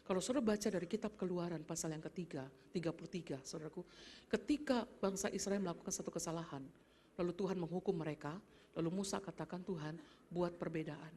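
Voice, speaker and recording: A woman pastor preaching in a lively, conversational way, often addressing the congregation directly. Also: lowish voice, fast, slight background noise. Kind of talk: sermon.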